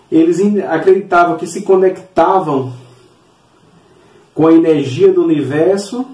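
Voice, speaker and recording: A man teaching a Sunday school Bible lesson, earnest and repetitive, with halting fillers as he works through his points. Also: fairly high pitch, mellow. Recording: echoey room, mic at a distance.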